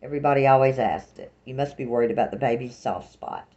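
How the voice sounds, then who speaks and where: A woman's voice: extremely low pitch, fast talker, mellow, lo-fi sound. A woman reading an earnest, lecturing zealot. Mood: earnest lecture.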